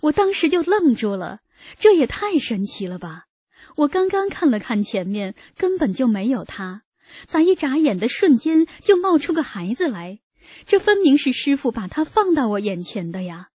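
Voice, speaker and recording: A woman reading her own first-person story aloud in an earnest, measured way. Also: high voice, very animated, mellow, breathy edge, no echo, clean studio sound. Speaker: narrator of a personal testimony. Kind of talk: read first-person narration.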